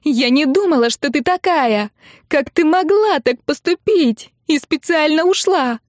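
A hysterical teenage sister screams in a piercing high voice, as a woman reader puts her on. She is loud and tearful in tone, and the audiobook sound is close and dry. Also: animated, a little slow, no echo. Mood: furious.

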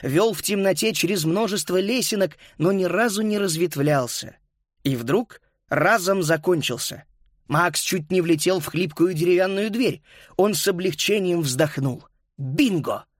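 A man narrating a children's story as an audiobook, lively and voicing each child. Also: high-pitched, moderate pace, dry recording, clean studio sound.

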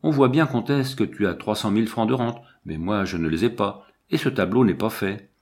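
Man voicing a troubled young painter, earnest, remorseful, low pitch. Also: normal speed, a little mellow, lightly acted. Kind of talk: audiobook character reading.

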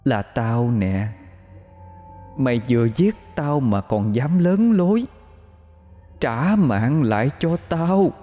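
A man's voice: mid-range voice, expressive, mellow, big-room sound, faint music behind, pitched above the performer's own voice. A man putting on a cold, scornful female ghost. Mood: cold menace. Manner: cold, slow and mocking.

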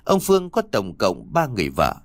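Male narrator, ghost-story audiobook, animated delivery, dry studio voice. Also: lowish voice, brisk, no echo. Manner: expressive storytelling.

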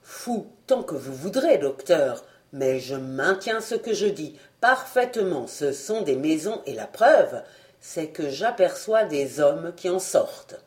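A woman voicing a stubborn young male companion, lowering her voice and speaking plaintively in an audiobook. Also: very animated, slow, exaggerated voice. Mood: insistent.

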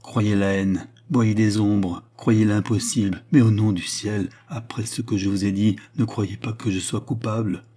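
A man's voice: on the low side, fairly even intonation, a little slow, hardly any pauses, dark tone, slightly rough. A man reading an impassioned proud queen. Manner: impassioned, pleading. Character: proud anguished French queen, woman. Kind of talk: audiobook reading.

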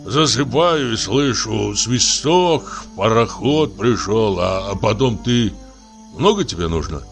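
A man's voice: lowish voice, expressive, slow pace, vocal fry, faint music behind, full character voice. A man doing a huge, sleepy, grumbling man. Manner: sighing, groaning, heavy breathing.

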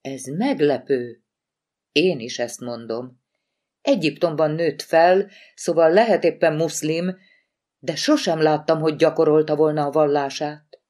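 A woman reading an audiobook voices a sharp, irritated wife who heads a medical examiner's office, with a clipped, reproachful delivery. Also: low voice, natural voice.

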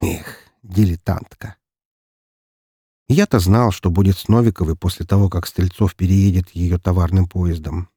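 A man narrating an audiobook in the first person, measured and dryly ironic. His voice sits low and warm, with a husky edge and animated intonation, recorded dry and close. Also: no room sound.

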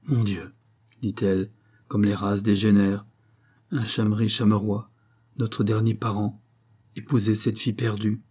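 A man's voice: lowish voice, level tone, a little slow, long pauses, warm tone, husky. A man reading an anxious, sorrowful noble mother in an audiobook, in a sighing, lamenting way.

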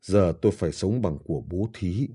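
A man reads an audiobook role: a dying, frail old father who speaks weakly through pain, begging for the daughters he misses. Expressive and despairing at a moderate pace, the voice is husky, dark and deep.

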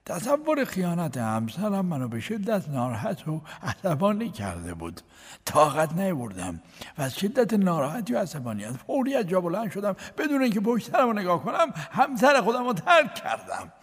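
An actor playing a male court minister in a radio drama, confessing his past in a soft, halting voice. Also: high voice, wildly swooping pitch, husky, full character voice. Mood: anguished. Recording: long hall reverb.

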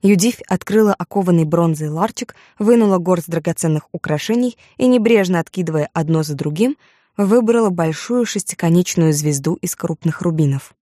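A woman reading an audiobook in a measured, dramatic way. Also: on the low side, animated, mellow, no room sound, studio quality. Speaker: audiobook narrator. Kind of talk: scripted narration.

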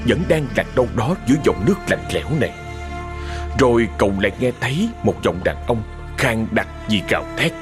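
A man narrating a sad ghost story in a slow, dramatic storytelling manner. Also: on the low side, expressive. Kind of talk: scripted horror story narration. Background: music.

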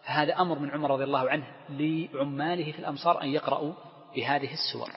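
A man teaches a class on Islamic law at a brisk, rapid clip. He walks through each point and throws rhetorical questions at his students. The sound is muffled and lo-fi, with a long reverb trailing off each phrase as if in a large hall. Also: a little high, steady tone. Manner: explains step by step, asks the class rhetorical questions. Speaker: Islamic scholar teaching a text.

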